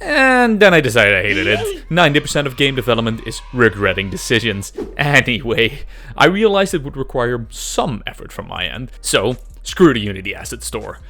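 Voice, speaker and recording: An amateur game developer hosts and narrates a scripted, comedic devlog in a mid-range voice that is very animated, bright and forceful at normal speed. He uses self-deprecating, exaggerated emphasis and some swearing, over soft background music.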